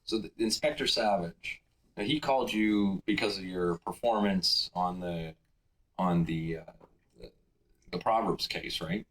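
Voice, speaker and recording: A male interview host with a fairly low voice asks a question. He talks hesitantly, stopping and restarting as he works his way to the point. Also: measured pace, a bit bright, low-quality recording. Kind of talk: conversational interview.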